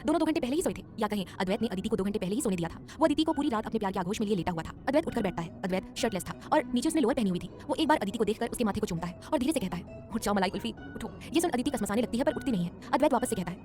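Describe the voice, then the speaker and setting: Rapid-fire woman storyteller. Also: fairly high pitch, lively intonation, a little mellow. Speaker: audio story narrator. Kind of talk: scripted audio drama narration. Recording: narration over background music.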